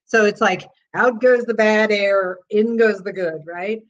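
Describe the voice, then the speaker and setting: A woman teaching laughter yoga in an interview, explaining calmly and bursting into demonstration laughs, speaking over a video call. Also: mid-range voice, a little slow, muffled recording.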